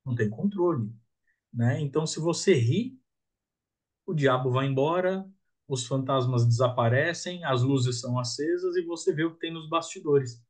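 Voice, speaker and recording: A man's voice: fairly high pitch, moderate pace. A man, a guest in a casual podcast conversation, talking in a reflective way and often ending thoughts with a questioning tag. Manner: reflective, tags thoughts with 'né?'.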